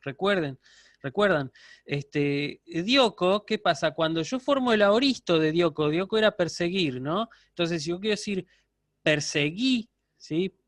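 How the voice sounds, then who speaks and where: High-voiced lecturer explaining patiently. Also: male voice, expressive, a little slow, no echo, clean studio sound. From Argentina. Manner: explanatory, keeps checking with students. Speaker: university lecturer. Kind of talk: online lecture.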